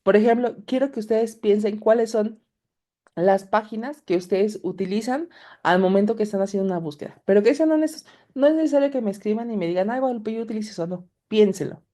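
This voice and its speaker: A woman teaches an online class in a soft, mellow voice. She explains patiently, addressing her students directly as she walks them through each step. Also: medium pitch, brisk. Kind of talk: recorded class with screen demo.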